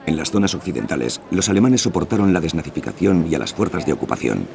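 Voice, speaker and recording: Very deep, gravelly documentary narrator, male. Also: sing-song, fast talker, a little mellow.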